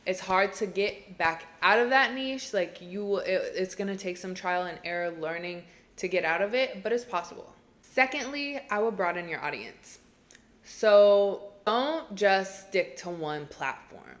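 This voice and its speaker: A woman's voice: mid-range voice, expressive, measured pace. A young woman in her twenties, talking to camera alone in a small room, giving earnest, chatty advice and repeating phrases for emphasis. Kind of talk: casual advice vlog to camera.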